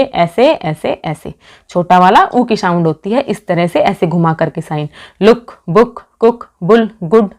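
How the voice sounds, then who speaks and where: A woman teaching an exam-prep phonetics lesson at a middle pitch. She talks to her students as friends and keeps asking questions that she answers herself. She reads out example words one at a time. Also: a little mellow. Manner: calls the class "friends", asks questions and answers them herself.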